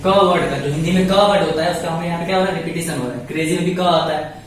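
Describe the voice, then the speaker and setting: Male grammar teacher for an online lesson, slightly high voice, recorded in an echoey room away from the mic. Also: rapid-fire, distant mic, noisy background. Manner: repeats questions to the class and answers them himself. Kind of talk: online lesson, code-switching explanation.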